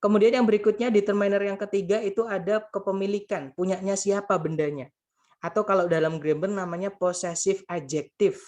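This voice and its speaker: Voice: medium pitch, steady tone, fairly quick, darkish tone. A grammar tutor giving a casual spoken lesson, patiently repeating points and translating each example while addressing the listeners as friends.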